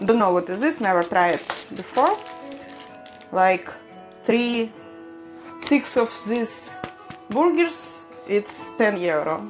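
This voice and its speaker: Music runs in the background as this livestream vlogger reads viewer comments. She's a young Ukrainian-accented woman with a mid-range voice, very animated yet slow-paced, pausing often, laughing a lot and speaking slightly broken English.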